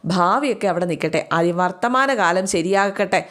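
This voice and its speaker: A woman's voice: on the low side, lively intonation, moderate pace, fairly bright tone. A woman voicing an indignant young daughter. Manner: reproachful, insistent.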